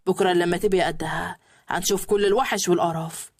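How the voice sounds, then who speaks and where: A woman voicing a cold, sarcastic young husband with an Egyptian accent, curt and gruff. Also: high voice, fairly even intonation, quick pace, no echo, studio quality, pitched below the performer's own voice. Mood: mocking stern. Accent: Egyptian Arabic.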